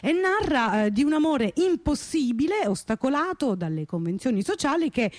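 A woman's voice: high voice, sing-song, normal speed, no room sound, clean studio sound. A woman introducing songs as a radio host, chatty, with fillers and restarts. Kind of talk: radio music presentation.

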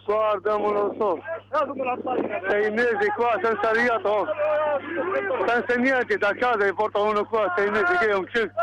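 A man's voice: sits high, steady tone, moderate pace, long pauses. A man calling in over the phone from a rooftop, talking in agitated, broken phrases. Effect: heard over the phone. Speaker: detainee calling in. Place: on a rooftop outdoors. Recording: loud noisy phone line.

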